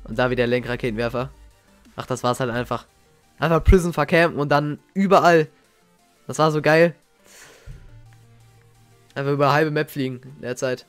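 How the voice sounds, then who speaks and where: A young man giving casual, slangy reaction commentary as a gaming YouTuber, excitable and reminiscing. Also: medium pitch, moderate pace, pauses often, clear, resonant tone, dry recording. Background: faint game music.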